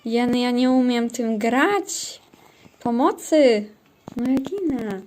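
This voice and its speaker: Unhurried high-voiced woman streamer. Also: a little mellow, faint music behind. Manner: chatty, talks to chat and teammates. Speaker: game streamer. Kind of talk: casual livestream chat while gaming.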